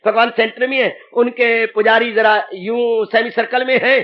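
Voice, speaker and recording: Man, spiritual teacher, devotional sermon, animated and exclaiming, very high voice, echoey old hall recording. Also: normal speed, muffled recording. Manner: animated, exclaiming, dramatizes quotes. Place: satsang hall.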